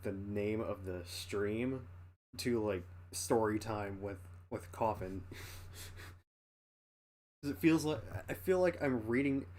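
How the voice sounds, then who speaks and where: A man's voice: lowish voice, a little mellow. A man reading a story aloud as a streamer, stumbling over words and correcting himself between casual asides. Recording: clearly noisy home stream recording.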